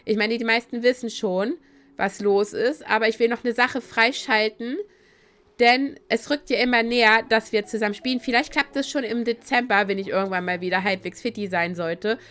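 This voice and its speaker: A woman's voice: a little high, moderate pace. A woman gaming YouTuber chatting casually and animatedly through a Let's Play, her voice giving out because she is ill. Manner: animated, breaks into laughter. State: voice giving out from illness.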